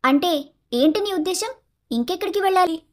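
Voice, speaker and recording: A woman voicing a sharp-tongued young married woman in a cartoon story, speaking bluntly and scolding. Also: very high voice, animated, fairly quick. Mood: puzzled. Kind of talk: Telugu storybook cartoon dialogue.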